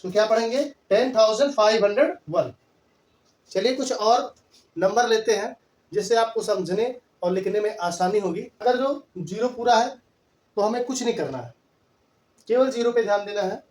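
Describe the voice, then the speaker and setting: A man's voice: sits high, normal speed, darkish tone. A man teaching a maths lesson in Hindi-English mix, patiently counting out place values step by step. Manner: patient, repetitive counting aloud. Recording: echoey room, voice from far off.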